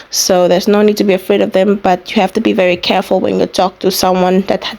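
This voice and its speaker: Giving an informal screen tutorial, a Namibian YouTuber breaks things down step by step in plain, explanatory language. She has a creaky, medium-pitched voice that's a little mellow.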